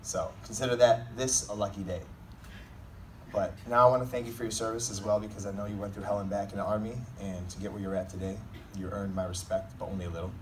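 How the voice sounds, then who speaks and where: A man's voice: on the low side, little pitch movement, fast. A man delivering a comedic best man's wedding speech in a joking, teasing, informal manner. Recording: distant mic, noisy room recording.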